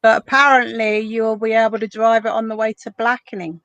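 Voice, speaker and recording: A woman hosts a live stream in a chatty, informal way. Her voice is a little high, with a dry, close sound. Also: flat delivery, fairly quick, fairly bright tone, smooth, no echo, highs cut off. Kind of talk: casual chat.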